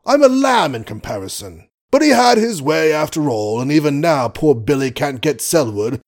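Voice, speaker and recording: A male narrator puts on a gruff old colonel, blustering and fond, his voice swinging widely up and down in bursts of mock outrage. He mutters oaths and chuckles at his own jokes, in a storybook reading. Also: fairly high pitch, big pitch swings, normal speed, pitched above the performer's own voice. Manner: blustery, chuckling, swearing mildly.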